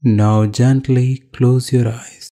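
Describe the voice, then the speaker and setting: Leading a guided meditation, this Indian-accented yoga teacher speaks in a mid-range voice. He keeps his instructions short and calm, pausing between phrases.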